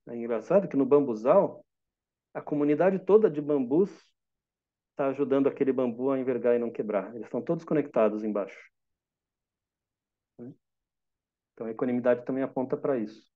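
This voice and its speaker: A man with a Brazilian Portuguese accent giving a calm, reflective meditation talk, teaching through simple examples and questions to listeners. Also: medium pitch, phone-quality sound.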